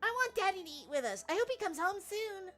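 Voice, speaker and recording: Very high, sweet little child. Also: female voice, very animated, a little fast, bright, forceful tone, faint music behind, exaggerated voice. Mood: eager, wistful. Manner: childlike, cutesy. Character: hungry, sweet small child waiting for Daddy. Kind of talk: video game dialogue read aloud by a streamer.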